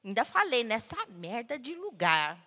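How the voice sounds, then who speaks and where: A woman's voice: sing-song, a little slow. Woman telling a dramatic story in a hall. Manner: dramatic, swings between loud outbursts and hushed low tones. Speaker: guest speaker at a panel talk. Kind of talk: personal storytelling to an audience. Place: large hall at a cultural center. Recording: long hall reverb.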